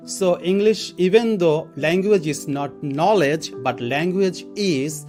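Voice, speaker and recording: A man's voice: a little high, a little mellow. Bangladeshi man, earnest, guitar music behind. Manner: earnest, explanatory, with halting restarts. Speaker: literacy program worker. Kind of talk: documentary interview segment. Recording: interview over background guitar music.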